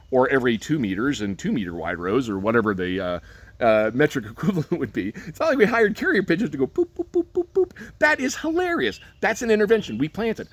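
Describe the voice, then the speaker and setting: A man winemaker ranting casually to camera, full of sarcastic rhetorical questions and folksy asides. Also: mid-range voice. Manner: folksy, swears lightly, laughs at own jokes. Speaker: winemaker giving a rant. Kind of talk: casual spoken rant to camera.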